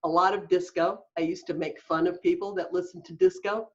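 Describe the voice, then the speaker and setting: A woman co-hosting a casual podcast chat, playful and quick to laugh, sometimes breaking into bits of song. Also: lowish voice, steady tone. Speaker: podcast co-host. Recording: dull lo-fi podcast audio.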